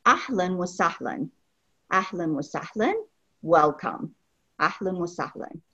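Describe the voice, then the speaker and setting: A woman teaching a language lesson, speaking patiently and repeating each phrase slowly so learners can follow. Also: lowish voice, animated, sharp tone, breathy edge, highs cut off. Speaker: Arabic teacher.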